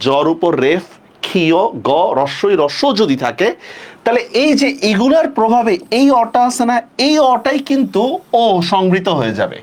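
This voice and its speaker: A man's voice: high-pitched, big pitch swings, moderate pace. A man teaching a live online class, repeating questions and checking often that students follow.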